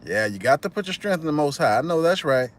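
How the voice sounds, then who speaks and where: A man hosting a livestream, chatting with viewers and retelling a movie plot as a rambling, animated storyteller. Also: a little high, quick pace, slight background noise. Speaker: channel host. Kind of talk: livestream commentary reading chat.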